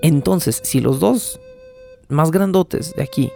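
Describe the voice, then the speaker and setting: Shrill bossy angel yelling and nagging, sound jumps way up and down, narrator putting it on. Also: sing-song, moderate pace, vocal fry, soft background music. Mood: scolding. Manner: rebuking, mocking. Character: stern scolding angel guide, exasperated.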